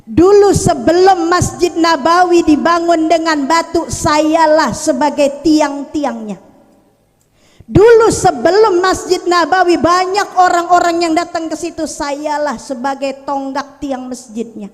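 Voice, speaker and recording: A woman's voice: very high voice, unhurried, pitched above the performer's own voice. A woman voicing a grieving old date palm trunk that pleads tearfully in a sermon story. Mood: mournful. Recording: long reverb of a hall.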